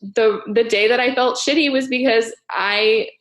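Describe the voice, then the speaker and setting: A woman's voice: on the high side, fairly even intonation, a little slow. A young woman hosting a casual podcast chat, rambling with lots of fillers and frequent laughs. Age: young adult. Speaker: podcast host.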